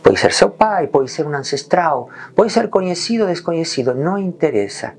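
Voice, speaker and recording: A man with a voice on the high side guides a meditation, speaking calm, gentle short phrases separated by long pauses.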